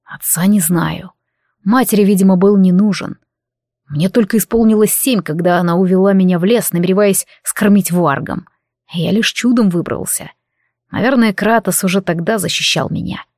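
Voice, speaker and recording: Gruff brooding warrior lover, as a woman reads him. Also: mid-range voice, moderate pace, darkish tone, dry recording, studio quality, close to an everyday voice. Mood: wistful, flat.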